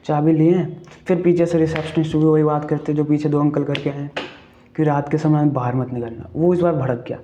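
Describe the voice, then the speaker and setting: A man's voice: fairly high pitch, steady tone, brisk, dark tone, muffled recording, slight background noise. A man casually retelling a ghost story, chatty, checking in with the listener and asking questions as he goes.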